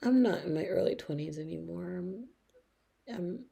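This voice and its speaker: A woman in her late twenties talking slowly and reflectively in a personal video diary, hesitant, her husky voice often sinking to a whisper. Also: lowish voice, lively intonation. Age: 20s. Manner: slow, reflective, hesitant, with soft laughs. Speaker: vlogger.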